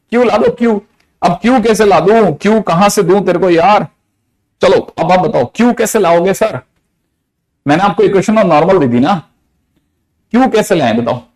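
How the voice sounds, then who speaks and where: A man teaching a math class in a lively, teasing way, often repeating questions to get students to answer. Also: high-pitched.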